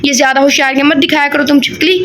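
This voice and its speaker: A woman's voice: high-pitched, flat delivery, rapid-fire, a bit bright, a little hiss or hum. A woman voicing a jealous, hot-tempered young cousin in a storybook reading, snapping and scolding. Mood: angry.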